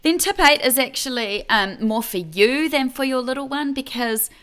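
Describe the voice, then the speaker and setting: A woman's voice: sits high, expressive, normal speed, fairly bright tone, clear, resonant tone. A woman co-hosting a podcast, giving baby sleep tips in a chatty, casual way with many restarts. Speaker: podcast co-host. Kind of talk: casual advice chat.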